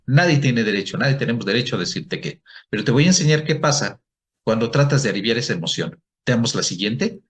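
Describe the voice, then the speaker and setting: A man's voice: mid-range voice, expressive, brisk. A male psychologist giving a workshop to an audience, asking questions and answering them himself. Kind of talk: presentation talk to an audience.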